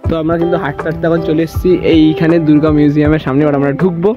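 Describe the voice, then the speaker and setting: A young man with a Kolkata Bengali accent, chatting rapidly as he walks a friend through a museum for his vlog. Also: fairly high pitch, flat delivery. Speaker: vlogger. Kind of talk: casual walking vlog. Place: museum grounds in Kolkata, walking. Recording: dull lo-fi with music underneath.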